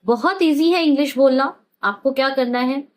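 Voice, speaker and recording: A woman teaching spoken English, explaining in a chatty, encouraging way and saying each practice sentence very slowly, again and again. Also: sits high, soft background music. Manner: says English model sentences very slowly and repeats them; chatty, encouraging classroom talk. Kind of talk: spoken English lesson in Hindi.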